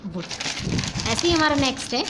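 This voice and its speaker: A woman's voice: high voice, big pitch swings, moderate pace, heavy background noise. A young woman with an Indian English accent, teaching phonetics step by step, asking and answering her own questions and mixing Hindi and English. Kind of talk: phonetics lesson.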